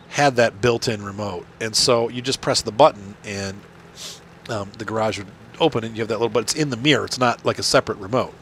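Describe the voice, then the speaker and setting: A middle-aged gaming channel host talks over his gameplay in a fairly bright, mid-range voice that sounds nasal from a cold. The commentary is casual and rambling, heavy on fillers and restarts, against faint background noise.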